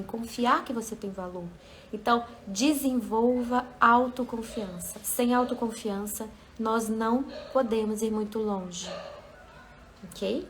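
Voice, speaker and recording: A woman's voice: a little high, slight background noise. Chatty woman coaching on self-esteem. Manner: conversational, often checks in with listeners. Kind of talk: motivational self-help talk.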